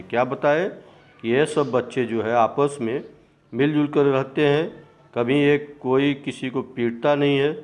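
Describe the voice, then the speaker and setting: Male teacher explaining a lesson. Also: medium pitch. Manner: repeats and glosses words in simpler terms. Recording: dull lo-fi recording.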